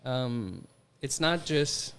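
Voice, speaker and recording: A man's voice: medium pitch, expressive, very slow, fairly bright tone, clear, resonant tone. A French Canadian man with a Quebec accent, a hockey player answering interview questions in a thoughtful way. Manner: thoughtful, many restarts and fillers.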